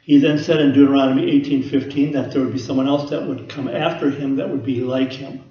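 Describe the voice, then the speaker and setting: A man's voice: mid-range voice, fairly even intonation, fairly quick, reverberant, dull audio. A man preaching a conversational teaching sermon, explaining scripture with everyday personal examples. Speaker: pastor.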